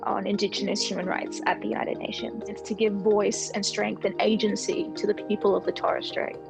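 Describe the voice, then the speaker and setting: A woman's voice: mid-range voice, little pitch movement, a little fast, creaky, over music, rough recording. Earnest woman, lawyer testimonial. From Australia. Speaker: human rights lawyer. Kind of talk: video testimonial.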